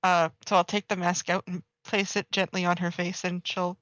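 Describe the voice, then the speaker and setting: A woman's voice: lowish voice, little pitch movement, normal speed, a bit bright, no room sound. A woman at a tabletop game, talking casually and politely with little apologetic giggles. Her voice sounds dry and close to the mic. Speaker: player.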